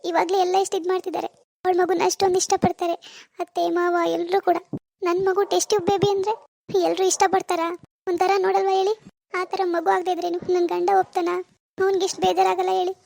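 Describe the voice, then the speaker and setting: A woman's voice: very high voice, flat delivery, fast, vocal fry, darkish tone. A woman voicing a tearful young married daughter in a cartoon, complaining and full of self-pity. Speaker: grieving daughter. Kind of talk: cartoon voice acting.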